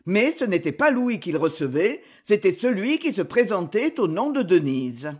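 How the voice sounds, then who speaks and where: A man narrating a classic novel in measured, literary storytelling. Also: high voice, very animated, breathy edge. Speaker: audiobook reader.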